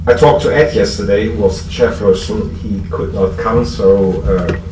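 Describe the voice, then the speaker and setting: His voice lowish and steady, a German-accented man tells a recovery fellowship convention about bygone days in an informal, stumbling public talk marked by dry self-mockery. The recording, made with a distant mic in an echoey room before an audience, is noisy.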